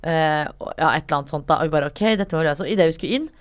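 Young woman in her 20s, storyteller, low-ish voice, swears casually, bursts into shrieks when she acts out quotes.

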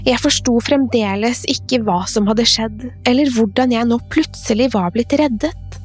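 A woman's voice: on the high side, husky. A woman reading a scripted first-person horror story in a tense, suspenseful way. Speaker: narrator. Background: faint music.

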